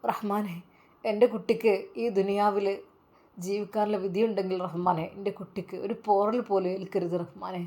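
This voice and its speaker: Woman doing a young guy cleric, gentle and sad, soft pleading voice, malabar malayalam accent, storybook. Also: mid-range voice, steady tone, normal speed, close to an everyday voice. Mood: praying.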